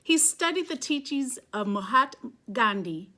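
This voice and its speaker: A woman reads a children's picture book aloud, phrasing deliberately and stressing key words. Her voice is high and expressive, with a sharp tone.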